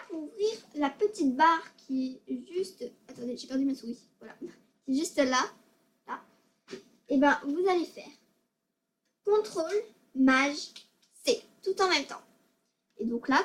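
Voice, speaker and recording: A female gaming video maker giving casual tutorial commentary, hesitant and self-conscious, often stammering and repeating words. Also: sits high.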